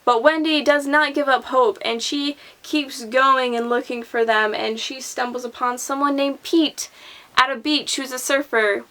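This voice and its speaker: A woman's voice: high voice, fairly even intonation, unhurried, bright, forceful tone. A young woman vlogger giving a casual, rambling book review, full of fillers and restarts. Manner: chatty, rambling, frequent "like" and restarts.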